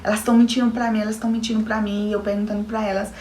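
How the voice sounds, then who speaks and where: A woman's voice: mid-range voice, flat delivery, rapid-fire, mellow, roomy sound, a little hiss or hum. A young Brazilian woman with a Brazilian Portuguese accent, telling her personal story to her viewers in an earnest, emotional way. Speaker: new mother giving a testimony. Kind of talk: personal testimony.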